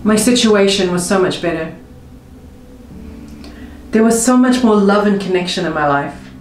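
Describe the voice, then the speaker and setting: Woman leading a slow tapping script. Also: mid-range voice. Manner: slow, repetitive, emotive affirmations. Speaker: tapping coach. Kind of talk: guided tapping script spoken in first person. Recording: roomy with faint music behind.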